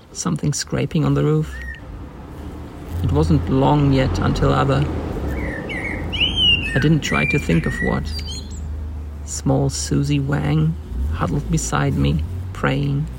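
Guy reading a story out loud, super gravelly, kinda high, birds chirping in a noisy recording. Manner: deadpan, even reading. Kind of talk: reading literary fiction aloud.

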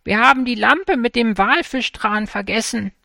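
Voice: mid-range voice, moderate pace, creaky, sharp tone, no echo, studio quality, pitched above the performer's own voice. A storyteller voicing a second frail old grandmother who speaks anxiously and urgently.

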